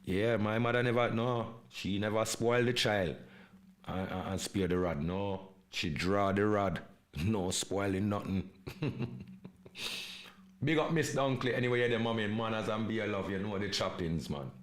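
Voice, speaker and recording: A man's voice: fairly low pitch, a little slow. An English-born man with a Jamaican Patois-inflected English accent, hosting a live podcast in an emphatic, repetitive monologue that mixes in patois slang. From England. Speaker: podcast host.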